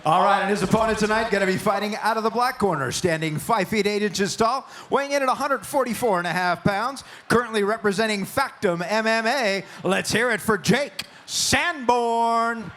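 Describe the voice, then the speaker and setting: A man with a high-pitched voice works as a boxing ring announcer. He delivers formal fighter introductions and stretches out the names. There is faint noise behind him. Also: a little fast, hardly any pauses, fairly bright tone.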